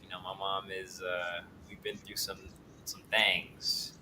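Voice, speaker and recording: Earnest thirtysomething male actor guest, low but bright voice, halting and reflective. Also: flat delivery, a little hiss or hum, low-quality recording. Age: 30s. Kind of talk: interview answers over video call. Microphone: remote call connection.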